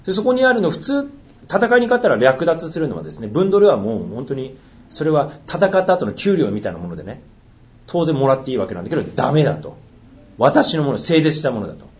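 Male preacher, somewhat high voice with a very lively pitch, reads scripture then drops to quiet remarks. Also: quick pace. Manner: swings between raised reading and low asides, jokes lightly. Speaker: pastor. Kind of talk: sermon with scripture reading.

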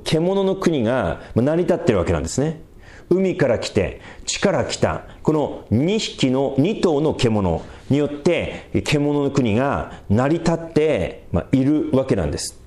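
A male pastor giving a verse-by-verse Bible teaching sermon, explaining patiently with many fillers and small self-corrections and reading scripture aloud slowly and with emphasis. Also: mid-range voice, warm tone.

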